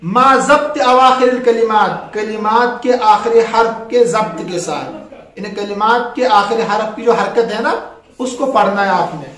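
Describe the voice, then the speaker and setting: Male teacher, very high pitch, prompting question style, echoey classroom. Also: unhurried, fairly bright tone. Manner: quizzing, leaves words for students to finish. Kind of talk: classroom grammar lesson. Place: classroom with a board. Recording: echoey room.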